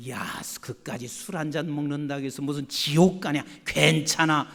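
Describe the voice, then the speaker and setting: Preacher doing a sly low-key tempter egging him on, echoey. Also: male voice, steady tone, normal speed, vocal fry, fairly bright tone. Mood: coaxing. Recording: long church hall reverb.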